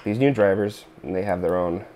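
Against a noisy background, a man in his thirties with a deep voice talks briskly through a hands-on repair at home. He's a DIY video host seated at a workbench board in the living room, musing aloud with fillers and asides.

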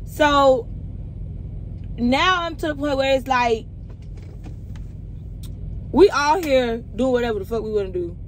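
A woman's voice: fairly high pitch, slight background noise, rough recording. A woman, a truck driver chatting candidly to her phone in her truck cab and swearing freely. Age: 20s. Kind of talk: casual vlog chat. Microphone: phone held at arm's length.

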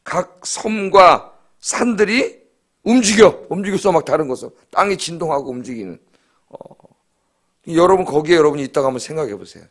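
A middle-aged male pastor delivering a dawn sermon with a somewhat high voice. He preaches emphatically and keeps checking in with the congregation through quick rhetorical prompts. He is heard in a church sanctuary. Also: animated. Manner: emphatic, asks the congregation "예?" often.

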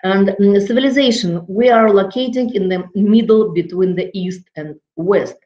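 With a mellow, medium-pitched voice and a Russian accent, a middle-aged woman delivers a guest lecture from an office with framed certificates on the wall. Her speech is halting and full of fillers as she gropes for words, and the video call through her laptop webcam sounds dull and lo-fi.

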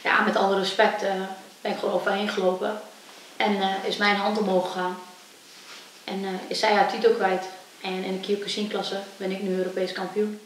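A woman's voice: mid-range voice, brisk, far from the mic. A young woman recounts her life as a fighter in an interview, throwing herself into the voices of the people she quotes. She sits back from the microphone in a very echoey room, with faint hiss beneath her voice. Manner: animated storytelling, acting out quoted voices. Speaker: kickboxer. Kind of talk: personal interview storytelling.

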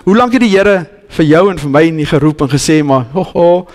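A man's voice: a little high, lively intonation, brisk, a little mellow. A man with a South African accent, an Afrikaans speaker, preaching an earnest, pleading sermon full of rhetorical questions and restarts. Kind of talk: bilingual church sermon. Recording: long hall reverb.

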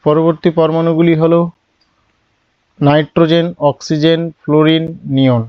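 A man teaching a lesson at a patient, step-by-step pace, posing questions and then dropping his voice to give the answers. His voice is fairly high and smooth. The sound is dry and a little muffled. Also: flat delivery, normal speed, no room sound. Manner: asks questions and answers them himself, drops his voice on answers. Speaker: chemistry teacher. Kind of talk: classroom lesson.

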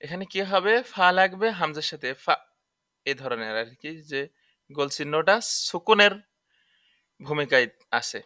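In a Quran recitation lesson, a man explains tajweed letter by letter, patiently going over each vowel mark and repeating every rule. His voice is on the high side, bright and forceful, with lively intonation, an unhurried pace and long pauses, recorded cleanly in a studio with no room sound.

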